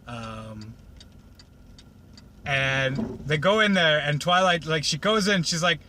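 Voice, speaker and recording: A man's voice: on the high side, lively intonation, takes it slowly, background noise. A man casually retelling a cartoon episode in a rambling, sarcastic way, full of fillers, while riding in a car.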